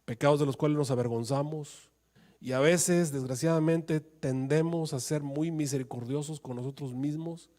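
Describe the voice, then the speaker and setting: A man's voice: fairly high pitch, moderate pace, mellow. A male pastor preaching a sermon with passion, his voice rising into emphatic pleas.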